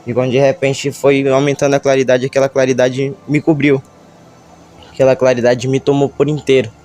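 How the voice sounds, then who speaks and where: Nervous Brazilian man, low flat dark voice. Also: faint music behind. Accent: Brazilian Portuguese. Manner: halting, stammering, emotional retelling. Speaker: church member giving testimony. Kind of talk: church testimony.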